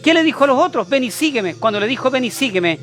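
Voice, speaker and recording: A man's voice: very high-pitched, animated, quick pace, a bit bright, faint music behind. A man with a Chilean accent preaching a sermon as an apostle, emphatic and repetitive, with many rhetorical questions to his listeners. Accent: Chilean Spanish.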